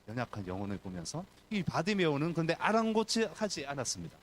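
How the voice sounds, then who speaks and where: A man's voice: a little high, quick pace. A man, a pastor, preaching a sermon at a church service and acting out the voices in the story. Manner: animated preaching, acts out crowd and beggar voices.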